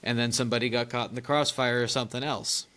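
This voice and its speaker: A young man co-hosting a podcast, telling family stories in casual chat, animated and laughing often, with rambling restarts. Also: medium pitch, quick pace. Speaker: podcast co-host.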